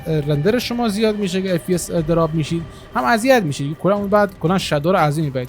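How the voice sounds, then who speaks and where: A man hosting a gaming channel, talking casually at his computer through a game-settings tutorial, with many hesitations. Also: a little high. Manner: relaxed, many filler hesitations. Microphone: single desktop microphone.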